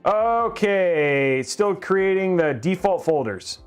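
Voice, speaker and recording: Chatty man with a slightly high voice. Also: lively intonation, slow, smooth, soft background music. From grew up in Japan. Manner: rambling, chatty, restarts often, reads chat aloud. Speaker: livestream host. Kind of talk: casual live-stream chat.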